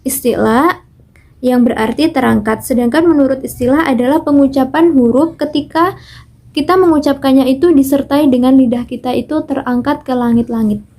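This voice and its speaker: A young woman from Indonesia, a student giving a recitation lesson, explains letter sounds patiently and chants verses slowly. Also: sits high, mellow. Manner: slow, patient explaining with frequent "nah". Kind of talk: explaining Quran letter pronunciation.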